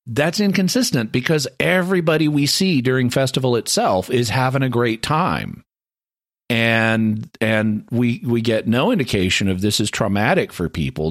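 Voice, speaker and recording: A man co-hosting a podcast, explaining a point at length in casual discussion and growing animated as he argues it. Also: medium pitch, normal speed, dry recording, studio quality. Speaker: podcast co-host.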